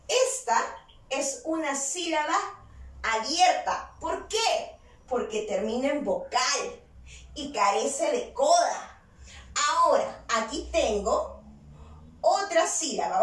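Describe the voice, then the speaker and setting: Slow, high-voiced woman teaching. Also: expressive, recorded from a distance. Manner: asks rhetorical questions and answers them herself; slow, deliberate explaining with stressed key words. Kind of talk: virtual class lesson. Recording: roomy echo, voice set back from the mic.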